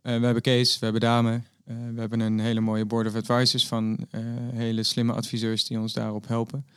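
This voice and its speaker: Ceo guy answering questions, pretty monotone, lots of ehs, dry mic. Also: medium pitch, clean tone, no echo. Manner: earnest, lots of filler pauses. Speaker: company founder and CEO. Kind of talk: interview answers.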